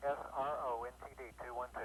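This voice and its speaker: A man talks quickly in a mid-pitched voice, delivering clipped launch procedures and call signs like a mission director. It comes over a radio intercom with faint noise. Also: flat delivery, low-quality recording.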